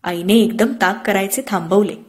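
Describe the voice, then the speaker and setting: A woman narrating an audiobook with measured, expressive storytelling. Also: medium pitch. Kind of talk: scripted narration of a classic novel.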